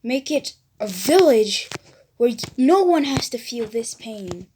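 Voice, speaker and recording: A woman voicing a rude, bossy teenage boy who speaks as an inner voice, low and gruff in a fan story. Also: sing-song, unhurried, darkish tone, a little hiss or hum. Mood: commanding. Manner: gruff, insulting, commanding.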